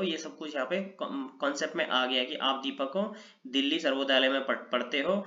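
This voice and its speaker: A man's voice: fairly high pitch, bright, forceful tone. A man teaching an online lesson, explaining with energy and mixing English words into his explanations. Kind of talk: online Sanskrit lesson in Hindi. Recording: echoey room, dull lo-fi sound.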